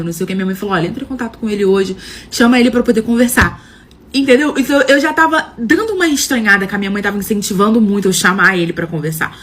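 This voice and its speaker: A woman's voice: mid-range voice, a bit bright, a little hiss or hum. A young woman telling a personal story casually, acting out quoted dialogue with dramatic flair and often tossing in filler phrases. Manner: frequent filler "não sei o quê".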